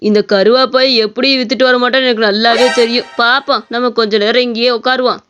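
A woman's voice: a little high, little pitch movement, fast talker, lo-fi sound, over music, close to an everyday voice. A woman voicing a bossy, scheming village shopkeeper in a cartoon story. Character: village idli shopkeeper, bossy grown man.

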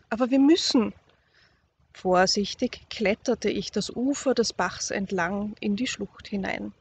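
A reader telling a first-person youth novel in a calm, measured way, dropping softer in the tense passages. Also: mid-range voice, slightly rough. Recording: slightly dull recording with faint background noise.

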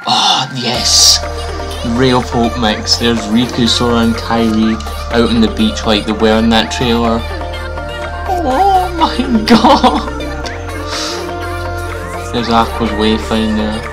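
Slow-talking excitable man gushing over music. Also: medium pitch. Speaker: YouTube host reacting to a game trailer. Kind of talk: live reaction commentary. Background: trailer music playing loudly.

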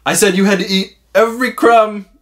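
A man's voice: sits high, steady tone, fairly quick, a bit bright, pitched above the performer's own voice. A man voicing his goofy prankster uncle as a teasing adult man.

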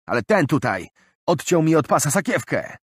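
A man's voice: fairly high pitch, big pitch swings, normal speed, husky, no echo, pitched above the performer's own voice. Storybook figure: a man playing a robbed bald traveler, pleading, tearful, voice pushed well up. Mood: aggrieved, despairing. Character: stocky bald robbed man, despairing and indignant.

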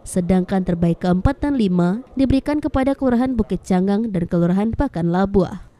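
A woman's voice: mid-range voice, expressive, brisk, warm tone, dry recording. A woman reading scripted television news narration as a presenter.

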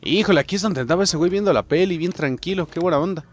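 A young man with a Mexican Spanish accent, commenting on his own gameplay with excitable, profane jokes aimed at his viewers. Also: high voice, very fast. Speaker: gaming channel host.

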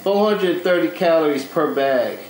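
A man's voice: on the high side, normal speed, a little mellow. Laid-back man talking through a face mask. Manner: laid-back, joking, crude humor. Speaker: vlogger doing a snack taste test. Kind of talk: casual chat. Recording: echoey room, mic far off, background noise.

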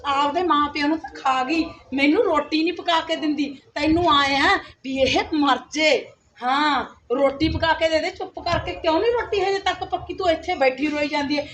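A woman's voice: high-pitched, normal speed, a bit bright, slight background noise, pitched above the performer's own voice. A woman playing a cruel, scheming stepmother who taunts and scolds with wailing cries. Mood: scolding. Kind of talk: Punjabi village skit acting.

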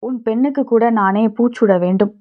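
A woman's voice: on the high side, normal speed, close to an everyday voice. A woman voicing a poor, kindly older flower-selling woman in a storybook reading, talking plainly and colloquially, on a dull lo-fi recording.

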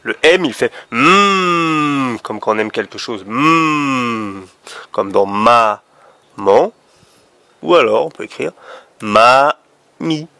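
Male phonics teacher, unhurried, gravelly voice, patient and clear with small kids. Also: medium pitch, expressive, pushed and bright, no echo. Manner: patient, drawing out each letter sound. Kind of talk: phonics lesson for young children.

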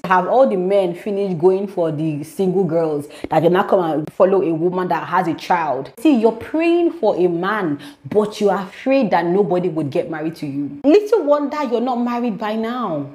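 A woman's voice: fairly low pitch, mellow. Earnest woman teaching the Bible. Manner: earnest, preachy, reads scripture aloud and explains it. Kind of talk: devotional teaching to camera. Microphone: camera mic, speaking to camera.

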